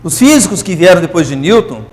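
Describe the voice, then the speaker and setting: Animated male physics teacher in a classroom. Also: sits high, brisk, long reverb tail. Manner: euphoric, animated, asks constant check questions. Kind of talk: classroom lecture.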